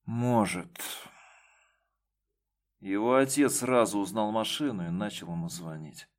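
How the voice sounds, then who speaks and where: A man narrating an audiobook in a measured, even reading. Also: on the low side. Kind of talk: scripted narration.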